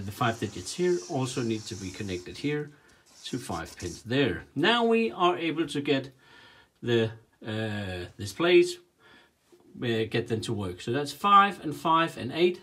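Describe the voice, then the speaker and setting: Husky-voiced man explaining wiring. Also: mid-range voice, very animated, a bit bright. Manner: talks while drawing diagrams, counting wires aloud with pauses. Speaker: home cockpit builder explaining wiring. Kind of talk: casual hands-on tutorial. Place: indoors, workshop by a whiteboard.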